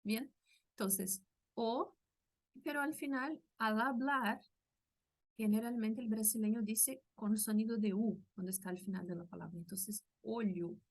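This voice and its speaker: Unhurried and fairly high in pitch, this Brazilian woman teaches languages. A native speaker of Portuguese with a Brazilian Portuguese accent, she walks through sounds with patience and demonstrates every one out loud.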